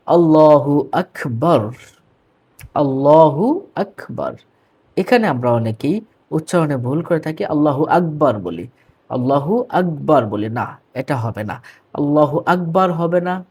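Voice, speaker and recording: Bangladeshi man, religious teacher; husky, pitched a bit high, formal address to viewers, slow repeated drilling. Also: a little mellow. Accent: Bangladeshi Bengali. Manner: drills words slowly, repeating right and wrong forms. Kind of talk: religious pronunciation lesson.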